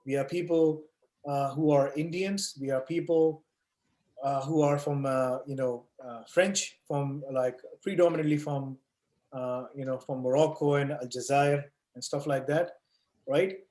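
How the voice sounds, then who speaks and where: Running an online course session over a video call in an echoey room, a man answers questions and illustrates ideas with everyday analogies, checking in with "right?" and "you know." His voice is a little high and dark in tone, with fairly even intonation and an unhurried pace.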